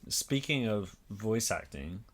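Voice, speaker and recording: A man's voice: fairly low pitch, lively intonation, slow pace. A man co-hosting a podcast, recapping an episode in informal, sweary, casual chat and acting out paraphrased lines. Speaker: podcast co-host.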